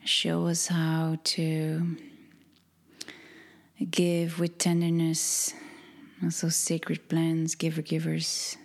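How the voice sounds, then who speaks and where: A woman leading a ritual invocation in a soft, breathy whisper, slow and meditative with long pauses. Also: low-pitched, monotone. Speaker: ceremony leader.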